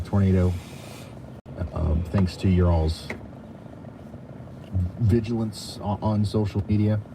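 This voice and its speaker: A man with a fairly low voice gives live severe weather commentary. He speaks off the cuff in a halting, stop-start way, like a streamer watching radar. A clear bed of vehicle-like ambient noise sits behind him. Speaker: live weather streamer giving storm coverage.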